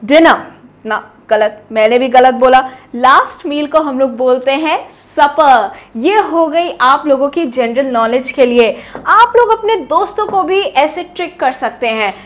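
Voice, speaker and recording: A woman's voice: sits high, lively intonation, measured pace. A young woman from India with an Indian English accent, teaching an English pronunciation lesson in a playful, chatty way full of rhetorical questions. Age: young adult. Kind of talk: online English lesson in Hindi and English.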